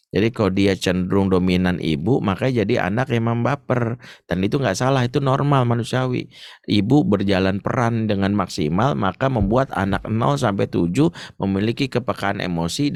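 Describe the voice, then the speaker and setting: Low gravelly ustadz giving a parenting talk. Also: male voice, dry recording, studio quality. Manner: lively, joking, acts out stories. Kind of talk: Islamic parenting talk answering a question.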